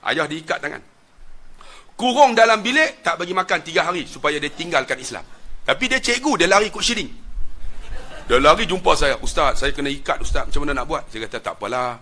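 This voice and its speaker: A middle-aged man with a Malaysian Malay accent preaching a sermon, telling a story dramatically and swinging between loud outbursts and hushed asides. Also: a little high.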